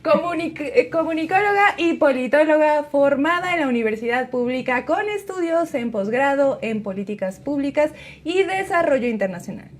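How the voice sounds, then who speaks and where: A woman's voice: high-pitched, lively intonation, normal speed. A woman hosting an interview in a studio, reading a formal introduction before asking questions. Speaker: interview host. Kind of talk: scripted introduction then interview.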